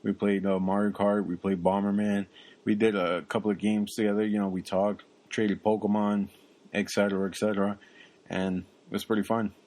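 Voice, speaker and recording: A young man talks casually as a podcast co-host. His voice sits low, and he rambles along, filling pauses with ums and uhs. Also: flat delivery, a little mellow. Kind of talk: casual chat.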